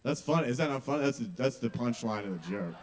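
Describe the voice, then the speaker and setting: A man's voice: medium pitch, animated, fairly quick, a little mellow. Young man doing stand-up. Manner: conversational, asks the audience questions, swears. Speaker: open mic comedian. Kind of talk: stand-up comedy. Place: small kava bar with live audience.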